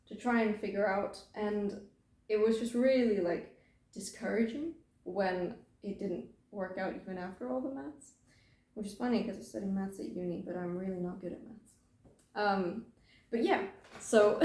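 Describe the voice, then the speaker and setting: Speaking British English in a mid-range, darkish-toned voice, a young woman rambles through her knitting podcast from home. She is casual and self-deprecating, leans on lots of filler words, and the recording carries a roomy echo.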